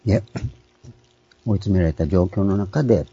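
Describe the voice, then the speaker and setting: Deep, dark-voiced man preaching. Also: moderate pace, husky, muffled recording. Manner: calm explanatory teaching, many fillers. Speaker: pastor. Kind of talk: sermon on scripture names.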